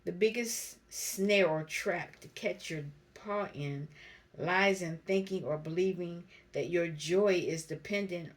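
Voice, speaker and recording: A woman giving a spiritual card reading to camera, speaking slowly and reflectively and reading card meanings aloud. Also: fairly low pitch. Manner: slow, reflective, reads card text aloud. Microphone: camera mic.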